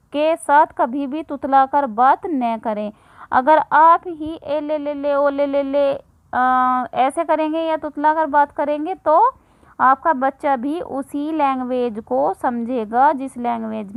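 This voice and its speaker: Woman, 30s, high voice, dry close recording; chatty parenting tips host who pauses often. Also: no room sound, poor audio. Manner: conversational, with frequent filler pauses. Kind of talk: casual instructional talk.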